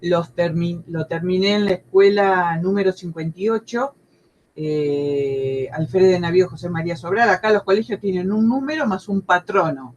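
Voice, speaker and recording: Recalling her school days in a conversational interview, an Argentine history teacher in her sixties speaks with a Buenos Aires province accent in a fairly low, slightly mellow voice. She hesitates often, filling pauses and starting sentences over. The lo-fi recording carries a little hiss or hum.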